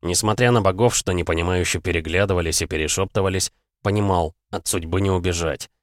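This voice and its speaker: A male audiobook narrator with a very low voice, reading a novel in first person at a measured, steady pace. The sound is dry and close, with no room around him. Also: dry recording.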